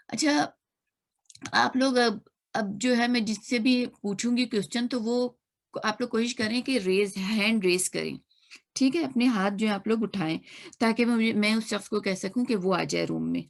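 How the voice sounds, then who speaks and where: A woman's voice: mid-range voice, vocal fry. A woman teaching an online grammar class, patiently repeating and spelling out sounds. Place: online video class room.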